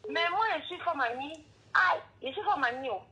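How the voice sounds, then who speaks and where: A woman from Cameroon with an Ivorian French accent, calling a radio show and talking in a rambling, drawn-out way. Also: high voice, animated, bright, forceful tone. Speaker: caller. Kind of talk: phone call to a radio show. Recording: muffled phone line.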